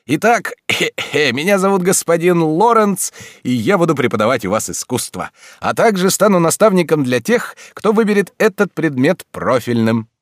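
Guy doing a dreamy weirdo art teacher, middle-aged, pitched up high and loud, drawls every word all blissed out. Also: very animated, moderate pace, dry recording, clean studio sound. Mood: cheerful.

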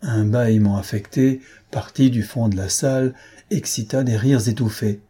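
Husky, mellow male audiobook narrator. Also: medium pitch. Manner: measured, phrase by phrase. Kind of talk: literary audiobook reading.

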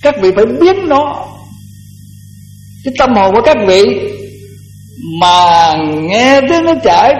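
An older Buddhist monk gives a folksy sermon, often repeating words. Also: male voice, sits high. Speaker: Buddhist monk giving a dharma talk. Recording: echoey hall, dull lo-fi, faint music.

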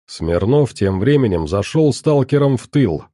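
A man giving steady scripted audiobook narration of an action story. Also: mid-range voice, a little slow, no room sound, clean studio sound.

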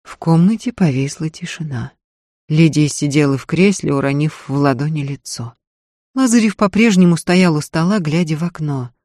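A man reading a novel aloud in measured, even narration. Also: a little high, dry recording, studio quality. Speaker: audiobook narrator.

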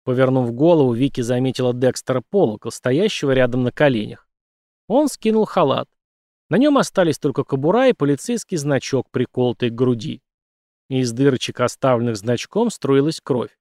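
A man narrating an audiobook in a steady, even reading voice. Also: mid-range voice, normal speed, dry recording, clean studio sound. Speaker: audiobook reader. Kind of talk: scripted narration.

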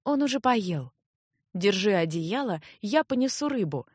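A woman's voice: medium pitch, very animated, a little slow, slightly rough, dry recording, clean studio sound. A woman voicing a practical woman herbalist in an audiobook, speaking in a matter-of-fact, instructing way. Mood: instructive.

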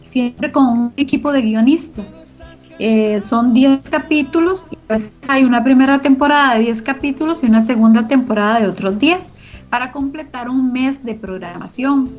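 In an interview, a woman with a high, slightly mellow voice at normal speed explains her radio production work, searching for words as she goes. The sound is muffled, with music playing underneath.

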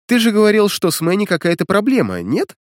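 A man's voice: sits high, wildly swooping pitch, quick pace, no echo, studio quality, pitched above the performer's own voice. A man reading an audiobook voices a young woman who teases and questions the hero. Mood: teasing. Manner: teasing, questioning. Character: young woman, sarcastic but curious.

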